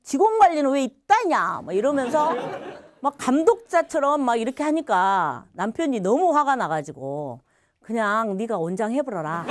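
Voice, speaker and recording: Animated middle-aged woman telling her testimony. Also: fairly high pitch, no room sound. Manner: animated storytelling, laughs often, acts out quoted speech. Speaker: former missionary giving testimony. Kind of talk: personal faith testimony.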